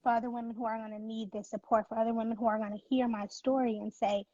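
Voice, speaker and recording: A woman's voice: fairly high pitch, level tone, fast talker, mellow, dry recording, highs cut off. A woman who founded a nonprofit, speaking as an interview guest in an earnest, faith-driven, emphatic way. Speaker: nonprofit founder, former NICU mom.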